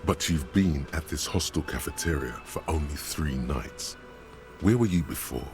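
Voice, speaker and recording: A video game's inner voice and narrator, a man with an extremely deep, gravelly voice. He speaks in a slow, measured, knowing way. Game music plays underneath.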